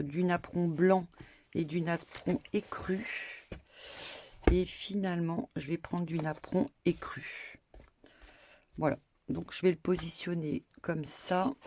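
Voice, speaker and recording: A woman's voice: fairly low pitch, vocal fry, darkish tone. An older woman, a grandmother, chatting her way through a crafting tutorial at home, rambling with many hesitations and small asides. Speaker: crafting vlogger. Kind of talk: casual crafting tutorial chat. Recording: faint background noise and clicks.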